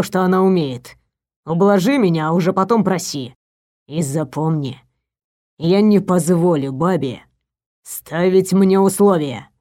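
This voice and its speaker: A woman's voice: on the low side, a little mellow, pitched below the performer's own voice, lightly acted. A woman reading an audiobook voices a cruel, domineering man who hisses and barks his commands. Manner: hissing, barking commands. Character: domineering cruel male doctor, cold and contemptuous. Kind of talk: audiobook character voice.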